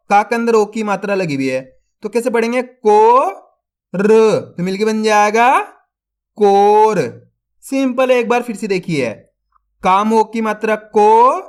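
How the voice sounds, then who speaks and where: A man teaching Hindi reading, sounding out syllables slowly and saying each joined word louder, then explaining more quickly to his viewers. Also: sits high. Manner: slow drawn-out syllables, louder when joining a word; speaks quicker and softer when explaining. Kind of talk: online reading lesson.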